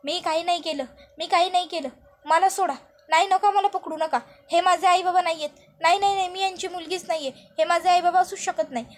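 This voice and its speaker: A woman voicing a young wife hiding a secret, who talks fast and turns defensive, in a high voice. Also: natural voice. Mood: panicked. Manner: defensive, quick to snap back.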